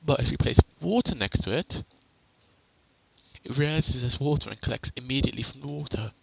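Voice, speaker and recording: Gravelly young man rambling through a tutorial. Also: medium pitch, brisk, low-quality recording. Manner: rambling, self-correcting, chatty. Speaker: game tutorial narrator. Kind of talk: casual gameplay tutorial. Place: home. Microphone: headset.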